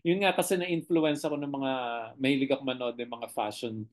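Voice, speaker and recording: Animated Filipino-accented director. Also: mid-range voice, brisk. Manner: animated, expressive storyteller. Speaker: television director, guest. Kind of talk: casual interview storytelling.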